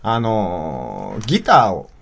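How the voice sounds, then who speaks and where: A man's voice: low voice, huge pitch swings, takes it slowly, gravelly, a bit bright. A young man in his twenties co-hosting a comedy podcast, telling stories animatedly and acting out a phone call. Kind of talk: casual comedic chat.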